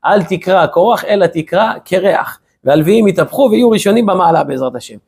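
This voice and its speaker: A man, a rabbi, giving a weekly Torah lesson as a lively storyteller who keeps asking his listeners rhetorical questions. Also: sits high, husky.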